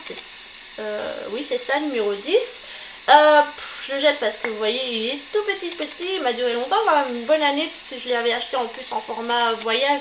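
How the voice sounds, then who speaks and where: Woman vlogger, high voice, blunt hesitant review, echoey room. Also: fairly bright tone. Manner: chatty, hesitant with frequent fillers; blunt verdicts. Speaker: beauty vlogger. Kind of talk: casual product review. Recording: echoey room with noticeable background noise.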